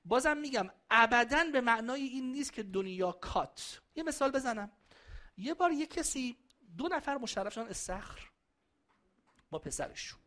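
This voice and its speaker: A man's voice: extremely high pitch, animated, bright, forceful tone. A man giving a religious lecture to a live audience, chatting and joking with them and reciting Arabic verses.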